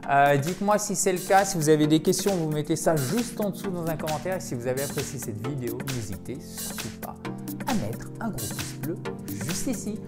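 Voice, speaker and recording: A man teaching English pronunciation in an online lesson, emphatic and repeating words slowly to drill them. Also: a little high, animated, over music.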